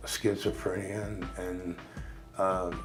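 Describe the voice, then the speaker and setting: Deep-voiced halting man applicant. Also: level tone. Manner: halting, hesitant, many fillers. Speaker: benefits applicant. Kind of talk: scripted training role-play. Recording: music bed under speech.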